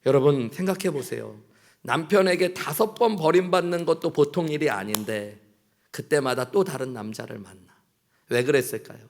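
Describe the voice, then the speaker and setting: A man's voice: a little high, expressive, normal speed, vocal fry. A male pastor preaching a sermon in church, earnest, acting out prayers and bits of dialogue. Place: church sanctuary.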